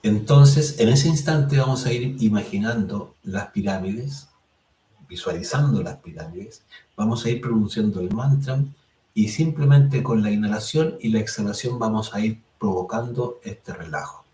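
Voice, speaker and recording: A man teaching a lesson on meditation, calm and explanatory, who checks in often with his listeners and draws out chant syllables slowly. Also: on the low side. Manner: calm and explanatory, tags phrases with "¿cierto?". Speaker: spiritual course instructor. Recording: roomy sound, mic at a distance.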